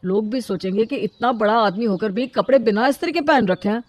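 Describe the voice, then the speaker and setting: A woman voicing an indignant, lonely widowed man in an animated storybook, complaining about being neglected. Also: fairly high pitch, brisk, lightly acted. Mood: irate. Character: aggrieved lonely widowed elder brother-in-law, man.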